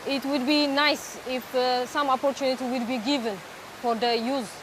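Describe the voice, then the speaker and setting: A woman's voice: high-pitched, normal speed. A woman interviewee speaking hesitantly with many fillers. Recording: steady loud hiss behind the voice.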